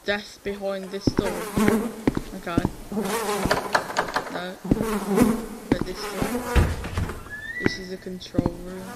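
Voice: medium pitch, flat delivery, takes it slowly, pauses often. A scared horror game streamer giving casual gameplay commentary, muttering uneasily to themselves. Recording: loud buzzing and clicking game noise.

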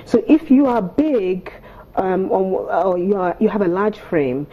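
This etiquette coach, a Nigerian-accented woman in her thirties, sits on a morning show's studio sofa as a guest and explains with prim, precise, instructive enunciation. Her mid-range voice is expressive and unhurried, and the audio is lo-fi.

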